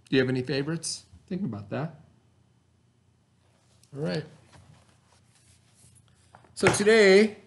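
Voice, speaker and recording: A middle-aged elementary school teacher gives children a remote read-aloud vocabulary lesson from an indoor classroom, explaining simply, repeating key terms and checking understanding with short tags. His fairly high voice is a bit bright, with a little hiss or hum.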